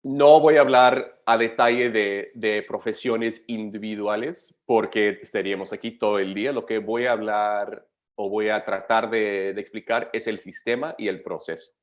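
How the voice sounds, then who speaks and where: Through muffled webinar audio, a low, steady-toned man from Australia, whose first language is English, explains migration matters as the presenting agent. His delivery is halting, peppered with fillers and corrections, and he often checks in by asking "¿ok?".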